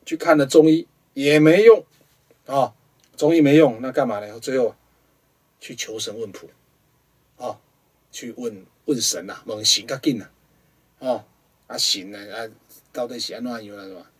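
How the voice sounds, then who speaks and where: A man with a Taiwanese Mandarin accent, hosting a studio show and telling a ghost story dramatically, jumping between loud rhetorical questions and hushed asides. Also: medium pitch, moderate pace, pauses often, breathy edge, far from the mic.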